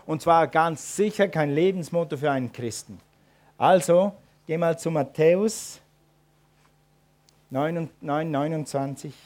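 A man's voice: on the high side, unhurried, darkish tone. A man preaching a sermon and calling his congregation to respond. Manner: preaching with rising emphatic calls to the congregation. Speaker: pastor.

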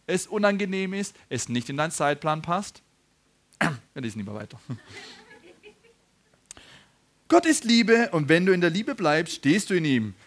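A man's voice: a little high, fairly bright tone. A man preaching a sermon, telling stories, laughing and asking the congregation questions.

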